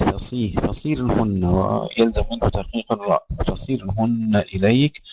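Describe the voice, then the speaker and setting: A low-voiced man gives a tajweed lesson. He chants verses slowly and melodically, then switches to quick, plain explanation. The recording is dry and muffled, with a lo-fi edge. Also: vocal fry, a little mellow, no room sound. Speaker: Quran recitation teacher.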